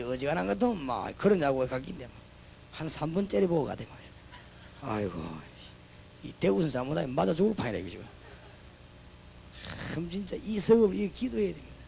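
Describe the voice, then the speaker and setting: A male pastor with a Busan Gyeongsang accent, preaching a sermon and switching between loud proclamations and chatty, joking stories. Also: a little high, vocal fry, a little hiss or hum, low-quality recording. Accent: Gyeongsang (Busan) Korean. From Busan, South Korea.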